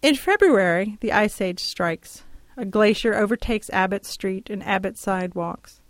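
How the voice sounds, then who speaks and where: A middle-aged woman reads her own essay aloud with wry, unhurried timing and lingering pauses. Her voice sits at an ordinary middle pitch. The recording is close and dry. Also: no room sound. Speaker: narrator reading her personal essay. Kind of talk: literary reading of a personal essay.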